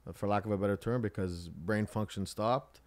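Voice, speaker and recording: Male podcast host, lowish voice, halting and informal, casual interview chat. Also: darkish tone.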